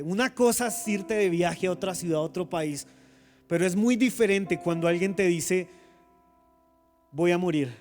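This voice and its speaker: A man's voice: sits high, darkish tone. A man preaching a sermon as a guest pastor, calling the congregation to repeat phrases and acting out quoted lines. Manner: preaching with call-and-response, dramatic quoted speech. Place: church.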